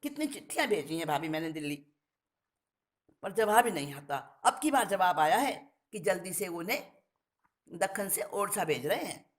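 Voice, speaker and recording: A woman voicing a devoted young brother-in-law, speaking lower and earnestly. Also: expressive, normal speed, natural voice.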